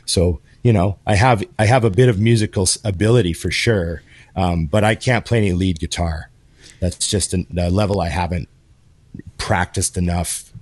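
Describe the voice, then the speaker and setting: A man in his forties talks casually as a podcast co-host, rambling and restarting his sentences. His voice sits very low. The sound is dry and close, with no room around it. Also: moderate pace, a little mellow, dry recording. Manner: rambling, heavy on fillers and restarts. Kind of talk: casual chat. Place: home studio with video call. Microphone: headphones and desk microphone.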